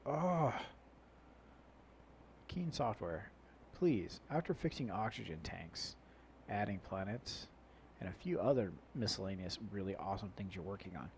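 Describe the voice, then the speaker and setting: A low-voiced man hosts a casual gaming video, rambling and half muttering to himself as he plays. He sounds nasal and a bit congested. A poor microphone adds a faint chopping, helicopter-like noise. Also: darkish tone. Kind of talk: casual let's play commentary. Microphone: low-quality microphone. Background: helicopter-like equipment noise.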